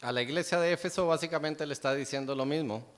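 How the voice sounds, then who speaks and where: Male pastor, fairly high voice, call-and-answer sermon, echoing church hall. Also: fast talker. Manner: asks the congregation rhetorical questions, answers them himself. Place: church sanctuary. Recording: long church hall reverb.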